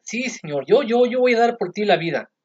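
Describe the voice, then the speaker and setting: A brash, boastful apostle, as a preacher puts him on, loudly swearing loyalty in a swaggering, overeager way. The voice sits a touch high. The audio is a bit dull and lo-fi. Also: male voice, normal speed, slightly rough.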